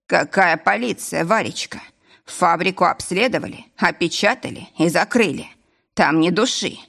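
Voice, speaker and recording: A woman voicing a weak, breathless older man lying in intensive care, talking slowly between sighs. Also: fairly low pitch, creaky, a bit bright. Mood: pleading. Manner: slow, sighing, breathless delivery.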